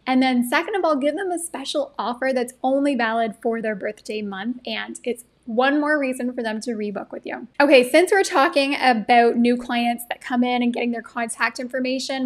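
Upbeat high-voiced woman teaching marketing. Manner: upbeat, friendly, gestures with her hands while explaining. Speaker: marketing coach for beauty professionals. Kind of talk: direct-to-camera tutorial. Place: indoor room with a painting behind.

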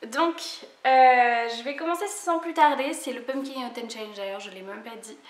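A woman's voice: on the high side, normal speed, echoey room. A woman in her twenties chatting casually about her books as a vlogger, hesitant with many fillers and laughing at herself. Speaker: book vlogger. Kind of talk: casual book haul chat.

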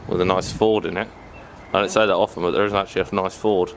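A man's voice: deep voice, flat delivery, fast, creaky, noisy background. A young man in his twenties chatting casually to camera with dry, teasing banter, outdoors at a station car park and then in a moving car. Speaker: vlogger buying a car.

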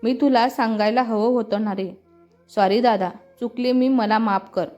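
A woman reading the lines of an emotional, affectionate young bride in a storybook, slightly muffled with soft music behind. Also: fairly high pitch, steady tone, normal speed, close to an everyday voice.

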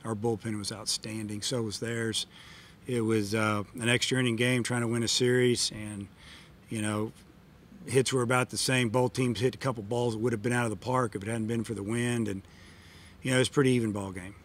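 A man's voice: on the low side, level tone, brisk. A middle-aged man, a baseball coach, answering reporters after a game in a plain, matter-of-fact way with many fillers, into a table microphone in a press room. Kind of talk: postgame press conference answers. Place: press room in front of a sponsor backdrop. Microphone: table mic in front of him.

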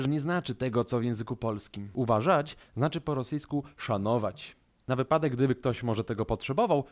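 A man with a Polish accent explains words in a calm, methodical lesson. His voice sits at a middle pitch, and he slows down to lean on the key words. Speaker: language teacher.

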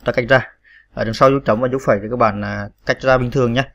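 Man, patient typing tutor, spells each key, flat delivery, muffled lo-fi recording. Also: mid-range voice, quick pace, dry recording. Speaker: computer tutorial instructor. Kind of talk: step-by-step screen tutorial.

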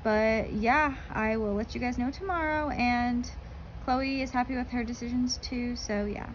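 In a noisy phone clip held at arm's length, a late-teen college freshman chats through a vlog in small indoor dorm rooms, her sorority-girl talk sprinkled with "like." Her voice is a little high, fairly even in intonation, and slightly slow. The high frequencies sound cut off.

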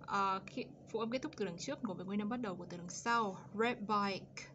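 A woman teacher walks young learners through an English exercise, drawing out English words and their sounds so each one is clear. The recording is a little dull, with a faint hiss behind her. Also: mid-range voice, quick pace. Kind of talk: explaining an English lesson for children.

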